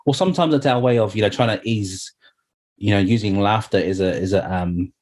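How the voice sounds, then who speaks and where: A man's voice: on the low side, a little fast, a little mellow. A middle-aged man, sharing his story earnestly and heartfelt as an interview guest, often saying "you know". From New Zealand.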